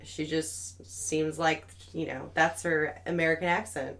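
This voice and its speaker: A young woman chatting casually about movies on a podcast, quick to laugh. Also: low-pitched, fairly even intonation, vocal fry, fairly bright tone.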